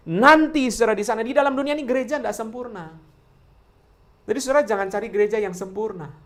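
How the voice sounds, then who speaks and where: A man's voice: high voice, fairly bright tone. A man preaching a sermon to his congregation. He keeps turning to the listeners with direct address and poses question after question, then answers them himself. Key words come back again and again, hammered home. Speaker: pastor.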